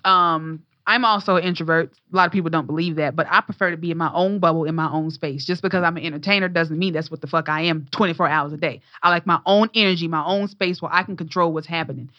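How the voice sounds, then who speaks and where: A woman's voice: low voice, steady tone, quick pace, few pauses, dry recording, lo-fi sound. A young adult woman and entertainer, telling a story in casual talk with passionate, blunt, profane energy. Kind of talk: casual talk show conversation.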